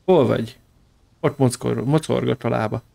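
A man hosting a gaming channel, giving casual let's-play commentary, excitable, swearing and taunting the enemies on screen. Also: medium pitch, vocal fry.

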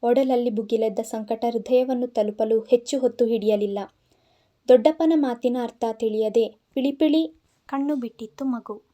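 A woman's voice: on the high side, moderate pace, warm tone. A woman narrating a novel as an audio story.

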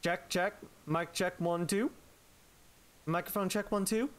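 A man's voice: high-pitched, steady tone, unhurried, fairly bright tone. A man streaming a game, bantering loosely with a friend and reading game text aloud. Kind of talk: casual co-op game chat. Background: game music.

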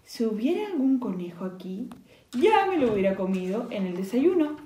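A woman voicing a hungry, sly fox in a read-aloud storybook, slow and gloating. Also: on the high side, sing-song, mellow. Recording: echoey room.

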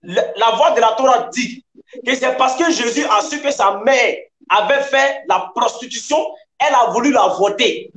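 A man with a high voice argues over a video call, lecturing and insistent. He presses his points again and again. His sound carries a noticeable room echo. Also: moderate pace, a bit bright. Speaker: debater. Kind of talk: heated online debate.

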